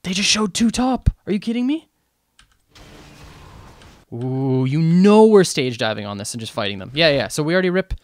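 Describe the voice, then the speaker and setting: Animated man coaching a game team. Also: on the high side, moderate pace, long pauses. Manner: animated, asks the team questions, many fillers. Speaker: esports coach reviewing replays. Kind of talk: casual coaching commentary over a replay.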